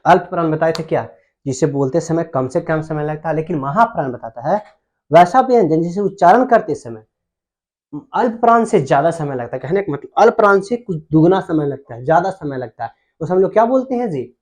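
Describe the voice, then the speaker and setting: A man's voice: fairly high pitch, lively intonation, a little fast. A man teaching a grammar lesson, repeating points and constantly quizzing his listeners with short questions. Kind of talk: classroom-style grammar lesson.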